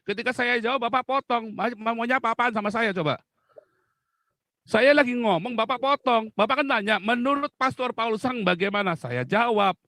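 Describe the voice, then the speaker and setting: A man's voice: extremely high pitch, moderate pace, bright, forceful tone, dry recording, studio quality. A man, a pastor on a video call, arguing heatedly and cutting in again and again. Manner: argumentative, interrupts, ends lines with "Pak". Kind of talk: heated debate.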